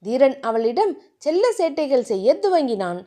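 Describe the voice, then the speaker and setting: A woman reading an audio novel aloud in scripted narration, in an even storytelling manner. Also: high voice, normal speed.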